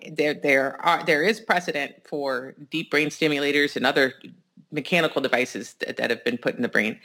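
A woman co-hosting a casual podcast discussion, explaining things in a measured, hedging way. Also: deep voice, pushed and bright. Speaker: podcast co-host.

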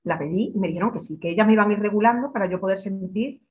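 A woman's voice: medium pitch, rapid-fire, a little mellow, a little hiss or hum. A young adult woman from Extremadura, a podcast guest who tells her story in a casual interview and acts out her own past words. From Extremadura, Spain.

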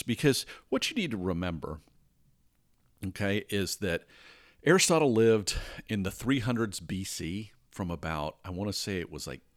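A man with a lowish voice hosts a solo podcast from indoors at home. He talks in a casual, rambling way, often restarting sentences and checking in with the listener. The sound is close and dry, with no room around it. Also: no room sound. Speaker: podcast host.

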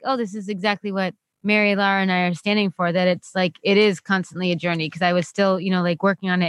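A woman's voice: medium pitch, dry recording. A woman co-hosting a podcast, telling a personal story in a rambling way full of likes and restarts. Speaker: podcast co-host. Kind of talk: casual podcast chat.

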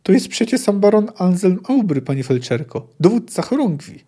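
A man's voice: high voice, sing-song, moderate pace, warm tone, husky, pitched above the performer's own voice, exaggerated voice. A man reading the lines of an imploring male soldier arguing at a tent entrance. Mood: pleading. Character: pleading male soldier carrying a body.

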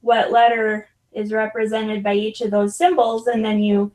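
A woman's voice: mid-range voice, steady tone, normal speed, darkish tone, poor audio. A woman explaining things in casual conversation.

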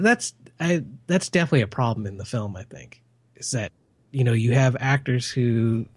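A man's voice: mid-range voice, dry recording. A man reviewing a film in casual chat, rambling and peppering his talk with "you know".

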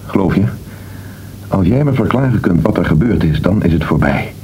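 A man's voice: sits low, lively intonation, moderate pace, dark tone, a little hiss or hum, low-quality recording. An actor playing a defiant man who doubts the fixed hour of death, with an intense, probing manner, in a radio drama.

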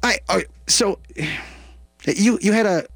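A man's voice: high voice, slow, creaky, a bit bright, no echo, faint music behind. A man co-hosting a comedy radio show, chatting casually in rambling, slangy banter.

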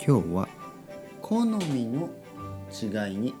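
A man's voice: mid-range voice, huge pitch swings, drawn-out words, music in the background. A man hosting a podcast for language learners in simple, unscripted talk, repeating and rephrasing key words as he goes. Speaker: podcast host for learners of Japanese.

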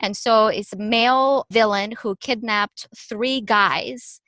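A woman from Ukraine talking through memories in a relaxed conversation. Her voice sits fairly high and she acts out quoted lines with energy. The sound is close and dry. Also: slow, no room sound. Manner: animated storyteller, acts out quotes. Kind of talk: conversational podcast storytelling.

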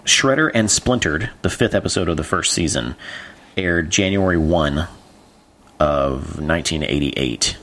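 A man's voice: extremely low pitch, unhurried. A man co-hosting a podcast, chatting casually and joking, then going through publication dates. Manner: animated, jokey, reads out dates. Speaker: podcast co-host. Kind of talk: casual chat about comics.

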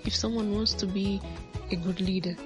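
Flat-voiced woman giving a firm opinion. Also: mid-range voice, normal speed. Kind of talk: recorded listener opinion. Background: music.

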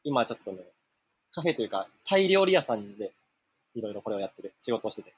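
A man with a husky voice, chatting casually as a podcast co-host. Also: on the low side, sing-song, fast, no room sound. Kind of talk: casual chat. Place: Thai restaurant or cafe, calling in.

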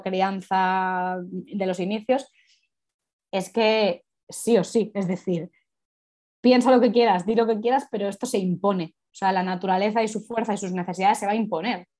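A woman's voice: mid-range voice, a little mellow. A woman sexologist, reflecting candidly in a casual interview and rambling through many asides.

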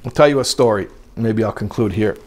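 A man teaching a religious class, telling a story in a lively way and breaking into quoted lines, with frequent repeated words. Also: lowish voice, brisk.

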